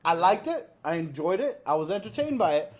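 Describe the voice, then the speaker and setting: A man's voice: sits high, sing-song, brisk, darkish tone. A tipsy man co-hosting a casual movie review, opinionated and swearing freely as he talks. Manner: tipsy, drunk. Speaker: drunk movie review co-host.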